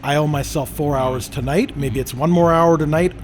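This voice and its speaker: A middle-aged man from Canada hosts a casual podcast conversation, driving his points home in an emphatic, lecturing way. His voice sits a touch higher than most men's, with a faint hiss of noise behind it. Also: moderate pace. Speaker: podcast host.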